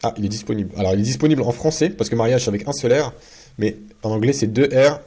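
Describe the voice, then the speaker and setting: A man's voice: mid-range voice, quick pace, mellow, slightly rough. A man giving a casual screen-share tutorial as a video host, talking in a chatty way with many fillers and restarts.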